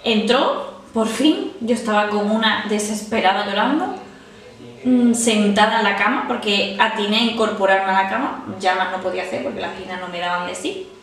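A woman in her thirties telling a personal story to her viewers in a casual, animated way, laughing as she goes. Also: medium pitch, moderate pace, distant mic. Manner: animated, laughing while recounting. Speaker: vlogger. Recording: echoey room.

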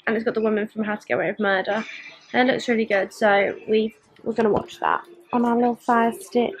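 Talking to a camera at arm's length, a young vlogger chats in a rambling way, full of ums, as she moves between her living room and bedroom. Her voice is on the high side, steady and fairly quick. The recording sounds rough.

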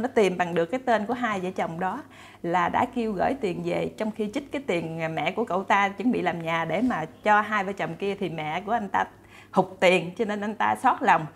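Chatty woman storyteller, breathy. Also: mid-range voice. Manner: chatty retelling with many fillers and repeated words. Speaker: storyteller host. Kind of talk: casual storytelling to viewers.

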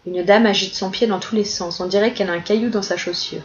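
A woman reading the opening pages of a novel aloud in a calm, even storytelling manner, in slightly dull audio. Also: mid-range voice, fast. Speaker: reader.

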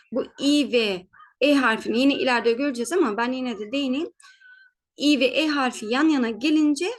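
Patient woman teacher, slightly high voice. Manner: patient, checks in with "tamam mı" and repeats each word slowly; corrects her own slips on the spot. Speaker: German teacher. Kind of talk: spoken lesson.

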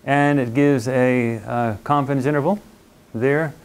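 A man lecturing a university class at a middle pitch, in a loose, conversational way. He keeps checking in with his listeners and playfully slips into little quoted voices to make a point. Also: fairly even intonation, unhurried, clear, resonant tone. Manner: conversational, checks in with students often.

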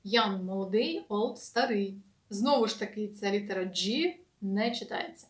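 A woman teaching an English lesson in a casual, patient way, slowly repeating words with many fillers. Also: mid-range voice, animated, roomy sound.

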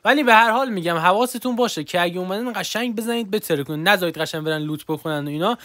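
A young man streaming a mobile shooter, chatting excitedly to his viewers as he plays. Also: sits high, no echo, studio quality. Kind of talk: live gameplay commentary.

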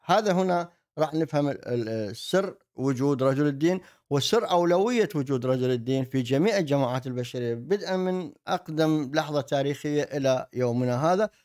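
A man explains ideas in a monologue, haltingly, often repeating himself as he searches for words. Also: fairly high pitch, animated, a little mellow. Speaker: host, commentator. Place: indoor desk setup with virtual backdrop. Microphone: desk microphone on an arm.

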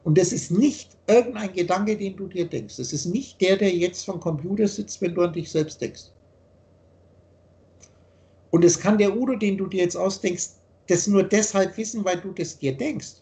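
A man with a high-pitched voice lectures over a video call. He speaks emphatically as a spiritual teacher. He often repeats and rephrases his points. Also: normal speed, warm tone. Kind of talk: explaining ideas in a video call.

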